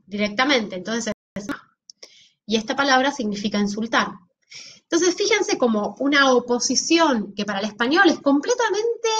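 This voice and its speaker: A woman's voice: high-pitched, a bit bright, dull audio. A woman giving a recorded lecture, explaining step by step and often checking in with her listeners. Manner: explanatory, checks in with frequent rhetorical questions. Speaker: teacher.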